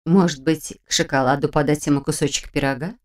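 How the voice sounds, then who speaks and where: A woman voicing a practical, soft-spoken female house servant. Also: a bass voice, flat delivery, normal speed, voice pushed down. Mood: quiet.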